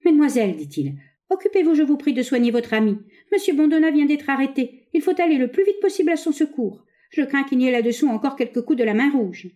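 Little devoted hunchback servant, male, impetuous and excited; high and bright, played by a woman. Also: normal speed, hardly any pauses. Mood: urgent. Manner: excited, breathless.

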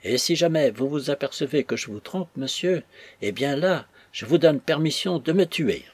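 A man with a husky voice voicing a timid, servile young knife-grinder who pleads and fades softly at the end of each phrase. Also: fairly high pitch, animated, normal speed, dry recording. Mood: pleading, submissive.

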